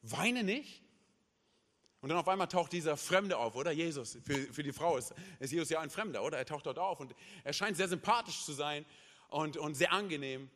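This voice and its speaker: A man with a high-pitched voice preaches a sermon, his delivery impassioned and swinging between loud declarations and hushed passages. He keeps tagging his sentences with quick "hey" and "oder?" asides to the congregation. His voice carries a long reverb from a large church hall. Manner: peppers speech with "hey" and "oder?" tags. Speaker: pastor.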